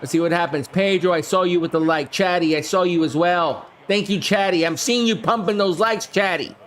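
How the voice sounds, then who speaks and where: A man's high-sitting voice, hoarse and worn from the flu, calls play by play at a fairly quick pace for a video game football simulation on a live stream. He shouts on big plays and chats with his viewers, and a little hiss or hum runs through the audio.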